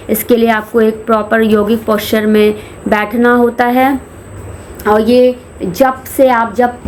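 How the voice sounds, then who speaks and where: A woman spiritual teacher explaining meditation and chanting to a camera, mixing Hindi with English phrases and slowing down on key terms. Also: fairly high pitch, darkish tone, slight background noise. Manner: chants demonstrations mid-explanation.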